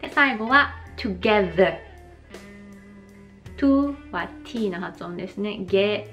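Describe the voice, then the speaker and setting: A Japanese woman in her thirties giving a slow, careful pronunciation lesson, exaggerating her mouth shapes when she demonstrates sounds. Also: medium pitch, lively intonation, bright, forceful tone, faint music behind. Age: 30s. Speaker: English pronunciation teacher. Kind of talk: slow explanatory vlog lesson.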